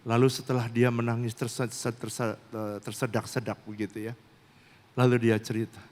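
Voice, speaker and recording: A man's voice: medium pitch, little pitch movement, normal speed, darkish tone. Storytelling male pastor in a reverberant hall. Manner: storytelling, acts out dialogue, mixes in English phrases. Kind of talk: sermon. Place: church service hall. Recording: long church-hall reverb.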